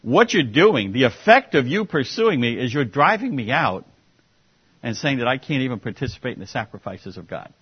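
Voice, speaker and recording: A man's voice: mid-range voice, very animated, normal speed, breathy edge. A man leading an informal Bible study, explaining scripture in a conversational way with sarcastic asides, and taking questions from the group. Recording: dull muffled classroom recording.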